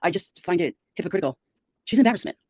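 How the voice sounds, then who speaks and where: A woman's voice: on the low side, expressive, racing, darkish tone, breathy edge, dry recording, clean studio sound. A middle-aged woman chatting casually and giving opinionated gossip on a livestream.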